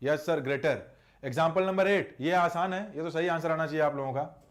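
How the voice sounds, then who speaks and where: A male English teacher running a live online exam-prep class, chatty, with scolding asides to students and slow, careful reading of English sentences. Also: a little high. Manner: reads English sentences slowly.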